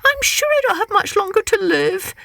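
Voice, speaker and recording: Scrawny old trickster hare for a storybook: high, swooping voice, pleading and falsely innocent. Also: female voice, sing-song, moderate pace, gravelly, a bit bright, no room sound, heavily acted. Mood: mock-meek. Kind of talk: storybook character voice.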